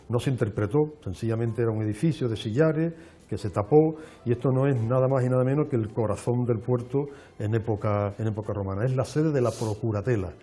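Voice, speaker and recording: A man, a guest explaining in a measured, lecturing way with frequent restarts on a television show. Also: lowish voice, mellow, husky. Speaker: archaeologist guest. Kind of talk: explanatory interview talk. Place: television studio.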